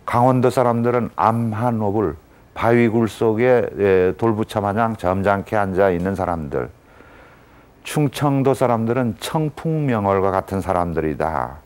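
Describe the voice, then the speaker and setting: Korean man giving a measured lecture. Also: lowish voice, animated, a little mellow. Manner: explains terms step by step, frequent "예" fillers. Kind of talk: academic lecture.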